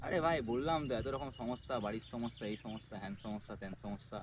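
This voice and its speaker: A man's voice: mid-range voice, expressive, fast, a little hiss or hum, natural voice. An actor playing an evasive young man with a Bengali accent who took his friend's money and keeps soothing and brushing off blame. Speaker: actor in a short film. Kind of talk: naturalistic short film acting.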